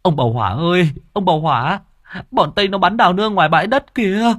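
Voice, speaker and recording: A man voicing a frantic village man who shouts an alarm in shrill panic. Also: quick pace. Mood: panicked.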